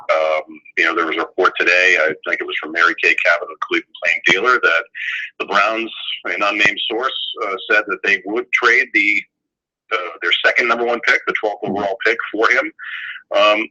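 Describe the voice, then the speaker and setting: A man's voice: fairly low pitch, pushed and bright, husky. A man calling in over the phone as a sports reporter guest, talking casually and rambling with fillers and restarts. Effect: heard over a phone line. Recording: tinny lo-fi phone line.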